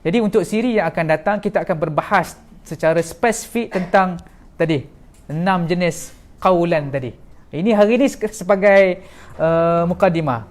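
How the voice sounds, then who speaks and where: Lively high-voiced Malaysian male lecturer. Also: moderate pace. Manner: explains step by step and asks the audience questions. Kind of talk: classroom lecture.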